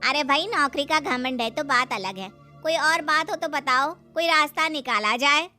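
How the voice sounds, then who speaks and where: A meddling neighbourhood auntie, played by a woman, high and bright in voice. She coaxes and pries like a matchmaker in a cartoon story, over soft music. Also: moderate pace. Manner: coaxing, nosy. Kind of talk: Hindi cartoon story acting.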